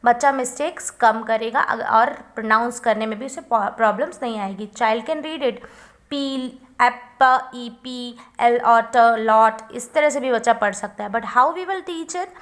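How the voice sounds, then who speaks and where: A woman teaching phonics, mixing Hindi and English and sounding out each word slowly. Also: fairly high pitch, fairly bright tone. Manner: switches between Hindi and English, slow drawn-out sounding of words. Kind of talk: home-recorded phonics lesson.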